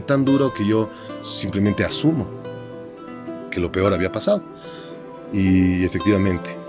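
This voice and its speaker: Low-voiced man, earnest. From Bolivia. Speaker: interviewee, son. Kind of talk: documentary interview.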